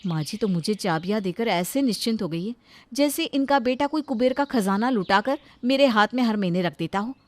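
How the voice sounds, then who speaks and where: A woman voicing a worried young housewife who frets quietly over money in a cartoon story. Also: medium pitch, lively intonation, brisk, natural voice. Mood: fretful.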